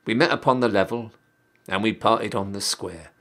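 A man's voice: lowish voice, moderate pace, a bit bright. A man giving a dramatic, declamatory recitation of verse, letting his phrase endings drop away. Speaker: poetry reader, town crier.

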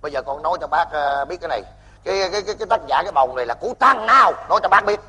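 An actor playing a pompous, blunt wealthy in-law who talks loudly, in a stage comedy sketch. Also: male voice, fairly high pitch, lively intonation, long reverb tail, noisy background, close to an everyday voice. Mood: accusing. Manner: loud, blunt, fast-talking.

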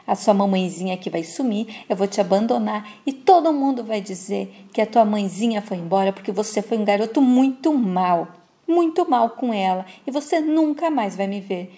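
A woman's voice: mid-range voice, expressive, normal speed, mellow, lightly acted. A woman voicing a scheming young mother who speaks in a cold, threatening manner.

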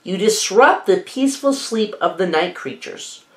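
Woman reading as a sleepy, slow male sloth. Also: mid-range voice, animated, echoey room, voice pushed up, natural voice. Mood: reproachful.

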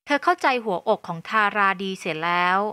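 Bright-voiced woman narrating a novel. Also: mid-range voice, big pitch swings, a little fast, no echo. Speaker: audiobook narrator. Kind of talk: scripted narration.

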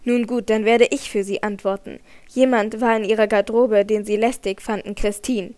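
Angry and accusing, a woman performs the audiobook role of an agitated, jealous young nobleman. Her mid-range voice is a little mellow and near her everyday sound, with a steady tone and moderate pace.

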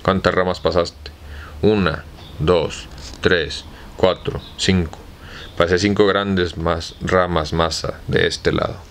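A fearful, simple servant, read by a man with a Mexican accent in a deep voice that barely rises or falls. The lines come slow and plain. Faint noise sits behind him. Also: little pitch movement, a bit bright, heavily acted. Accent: Mexican Spanish. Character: simple fearful male servant climbing a tree.

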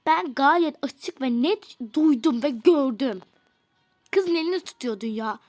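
A woman's voice: high voice, expressive, unhurried, a little mellow, soft background music. A woman voicing an angry teenage girl who scolds her boyfriend with exasperated sighs in a doll role-play story. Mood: scornful. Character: angry teenage girl, hurt and scornful girlfriend.

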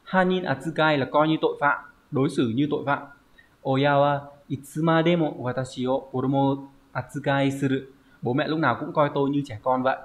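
A man's voice: mid-range voice, fairly even intonation, brisk. A man teaching a Japanese vocabulary lesson online, explaining step by step and often checking with "right?". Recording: dull lo-fi recording.

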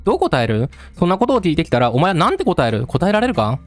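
A male game let's-play narrator voices a coarse, menacing storyteller, fast and lively, with a slightly high pitch and faint music behind him. Taunting and gruff, he uses rough street speech and speaks directly to the listener.

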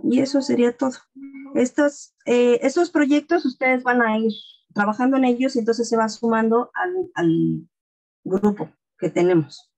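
A woman's voice: on the high side, a little slow, a little mellow, soft background music. Woman walking a video class through steps. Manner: patient, explaining step by step. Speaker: class instructor. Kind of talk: online class walkthrough. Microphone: video call.

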